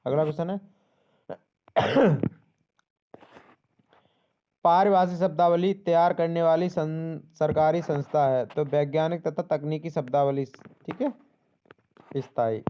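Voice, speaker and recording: A man's voice: a little high, steady tone, measured pace, dark tone, smooth. A young man tutoring exam questions in a casual spoken lesson, repeating each answer back and checking in with the listener. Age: young adult. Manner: repeats answers and asks "ठीक है?" often, restarts words.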